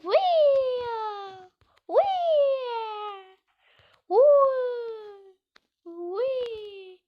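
A woman giving chatty let's-play commentary to her viewers, excitable and exclaiming, scolding the game aloud. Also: very high-pitched, highs cut off. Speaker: gaming video creator.

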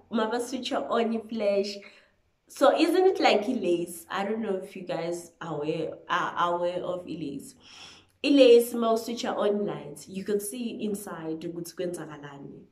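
South african girl in her 20s doing a chatty storytime, really emphatic, roomy echo. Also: mid-range voice. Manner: animated and emphatic, hand-waving, chatty. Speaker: vlogger telling a storytime. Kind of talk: casual storytelling to camera, mixing English and Zulu. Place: small living room, indoors. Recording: echoey untreated room.

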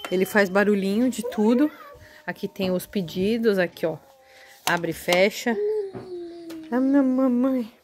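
A woman's voice: medium pitch, a little slow, pauses often. Woman vlogger, chatty and eager, handheld phone outside, faint street noise. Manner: chatty, eagerly addresses viewers. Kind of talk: casual vlog walkthrough. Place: outdoors on a residential street.

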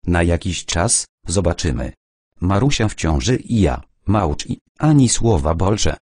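A man voicing a gruff army major who speaks bluntly and mixes in Russian words. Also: low voice, sing-song, unhurried, darkish tone, no room sound, clean studio sound, exaggerated voice. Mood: grave. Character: weary older male army major, blunt drinker.

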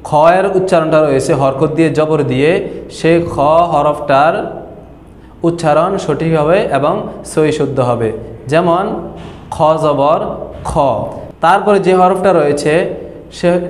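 A man teaching Quran reading letter by letter, explaining patiently and slowly drawing out each sound. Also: fairly high pitch. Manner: slow, repetitive explanation, drawn-out letter sounds. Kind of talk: online recitation lesson. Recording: echoey room with long reverb.

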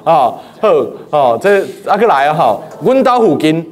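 Man, high voice, teacher, lively, quizzing the class, classroom talk. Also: moderate pace. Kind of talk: lecture to a class.

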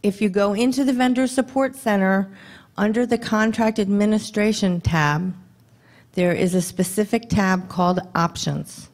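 A woman in her thirties giving a conference talk at a podium microphone in a dim hall, brisk and conversational, throwing rhetorical questions to the audience. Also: medium pitch. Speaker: government contracting presenter. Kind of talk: conference presentation.

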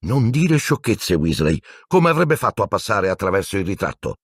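A man's voice: on the low side, big pitch swings, moderate pace, husky, dry recording, studio quality, pitched above the performer's own voice. A man voicing a strict older woman professor who scolds sharply. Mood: stern, scolding.

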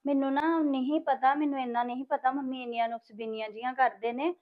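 A woman's voice: high-pitched, steady tone, brisk. A woman playing a young wife who narrates and answers patiently in a family drama. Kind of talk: amateur family drama acting. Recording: thin phone-like sound.

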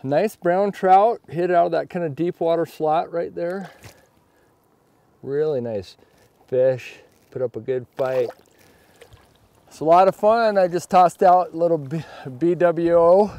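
Brief: middle-aged male outdoors vlog host, casual, jokey, bright exclamations, a bit high-pitched. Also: no echo. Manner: excitable, jokey, exclaims when a fish hits. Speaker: fly fishing channel host. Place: outdoors on a windy river.

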